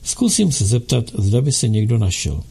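A man's voice: medium pitch, big pitch swings, creaky, dark tone, husky, exaggerated voice. A man voicing a bold, playful young noble girl who teases in a pert way. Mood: teasing. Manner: pert, teasing.

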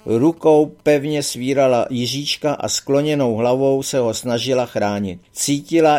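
A man narrating an audiobook in a calm, steady reading voice. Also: medium pitch.

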